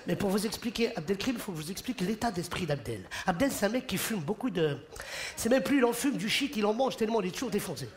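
A stand-up comedian, a man, performs an animated, joking routine on a theater stage and puts on voices for the people in his stories. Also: high-pitched, quick pace, slight background noise. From Morocco. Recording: live show in a hall, audience laughter. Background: audience laughing and cheering.

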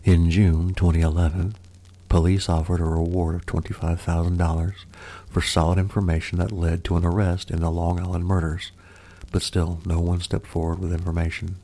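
A man with a very low, husky voice narrates true crime like a droll horror host with an ASMR twist. His gravelly delivery stays in a narrow, even range, theatrical in its wording and mock-genteel, with music playing underneath. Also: normal speed.

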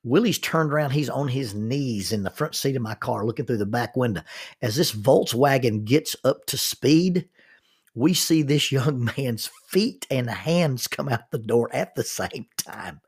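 A man telling a folksy story in a sermon, unhurried and full of restarts. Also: medium pitch, animated, slightly rough.

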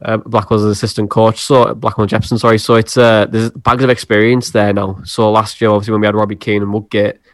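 Man, fairly low voice, chatty fan pundit, emphatic repetition, dry sound. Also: level tone, fast, few pauses, dry recording. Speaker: football fan podcaster. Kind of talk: casual sports chat.

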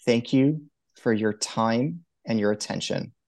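A man's voice: medium pitch, unhurried, vocal fry, a little mellow. Male podcast host, formal and careful, reading guest credentials. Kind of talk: formal interview introduction.

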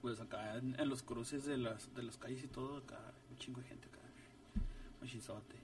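Young musician, rough fry, animated slang storyteller, distant mic, light hiss. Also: male voice, mid-range voice, moderate pace. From Ciudad Juárez, Mexico. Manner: slangy, animated retelling with voiced quotes. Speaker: ska band musician, guest. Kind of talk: casual chat, storytelling. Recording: distant mic with faint noise.

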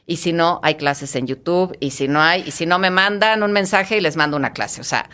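This fitness studio founder, a middle-aged woman with a Mexican accent, has a fairly low, fairly bright voice with a clean tone and a normal speed. As a guest in a casual interview, she talks with eagerness and keeps restarting or repeating her words.

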